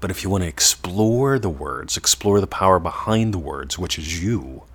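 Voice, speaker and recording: A man giving a meditative self-development lesson, drawing words out slowly and often half-whispering them. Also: deep voice, animated, fairly bright tone, husky. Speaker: teacher.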